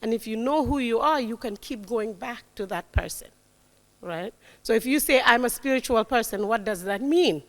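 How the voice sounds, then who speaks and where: Her voice fairly high and animated, at a moderate pace, a guest speaker in her forties motivates a young audience with warmth and emphasis. Key words come back again and again, "right?" punctuates her points, and the lecture hall rings with long reverb.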